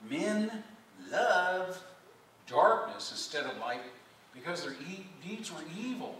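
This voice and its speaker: A male pastor delivers a lively sermon, his pitch rising and falling widely in a bright, forceful tone. He leans on rhetorical questions and repeats his key phrases. He is heard from some distance, in a strongly echoing church with faint room noise. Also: slow. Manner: animated preaching with rhetorical questions and repetition. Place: church sanctuary.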